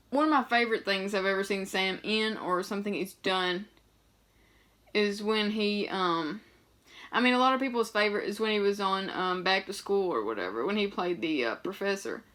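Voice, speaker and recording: A woman's voice: mid-range voice, fairly bright tone. A young woman talking casually to her viewers, rambling through loose, profane stories full of fillers. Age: young adult. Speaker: vlogger.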